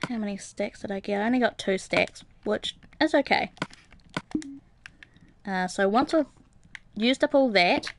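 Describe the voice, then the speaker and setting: A woman's voice: mid-range voice, expressive, measured pace, long pauses, a little hiss or hum. A young woman streaming a game, chatting casually with viewers and reading their comments aloud, with plenty of ums and uhs. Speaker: gaming livestreamer. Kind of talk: casual live-stream chat while playing.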